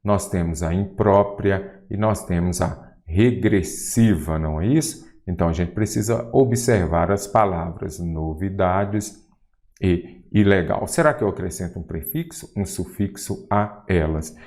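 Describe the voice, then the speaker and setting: A man with a fairly low voice teaches an exam-prep grammar lesson. He keeps asking rhetorical questions and pushes his pitch up sharply on key terms. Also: a little slow. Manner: rhetorical questions, lively emphasis on key words.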